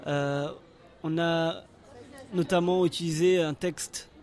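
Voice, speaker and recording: A man from Portugal, a circus performer answering interview questions in a halting way, often searching for words. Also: fairly high pitch, steady tone, darkish tone.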